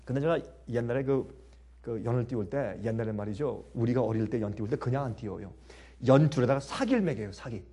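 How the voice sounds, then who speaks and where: Husky-voiced male preacher telling stories. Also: medium pitch, brisk. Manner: animated storytelling, often laughing, swinging between soft and loud. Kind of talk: sermon.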